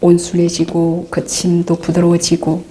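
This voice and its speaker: A middle-aged woman, a Buddhist nun, patiently answering meditation questions, calm and repetitive, sometimes dropping into soft asides. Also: on the low side, measured pace, slight background noise. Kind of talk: dharma Q&A teaching.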